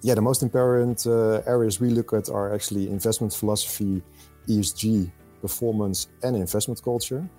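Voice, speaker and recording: A middle-aged man from the Netherlands with a Dutch accent, answering interview questions in a measured way with frequent hesitations. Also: on the low side, steady tone, dark tone, faint music behind. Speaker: podcast guest, fund selector.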